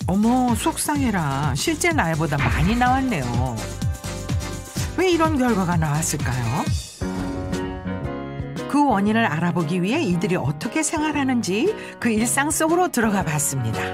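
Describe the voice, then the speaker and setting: Female narrator for a TV health program, lively rising and falling voice, mid pitch, loud music underneath. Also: normal speed. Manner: expressive, sing-song delivery. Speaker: documentary narrator. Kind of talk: scripted TV narration. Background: loud background music.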